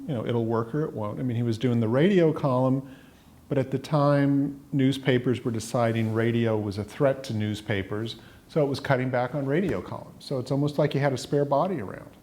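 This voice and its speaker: This American man in his sixties speaks a little fast in a medium, slightly mellow voice. He's seated in an indoor room with a staircase, telling stories conversationally in a documentary interview while music plays behind him.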